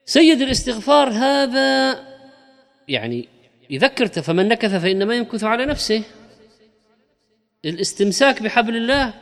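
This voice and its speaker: A man giving a religious lesson, explaining slowly and stretching key words for emphasis. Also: extremely high pitch, big pitch swings, vocal fry, long reverb tail. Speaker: religious teacher.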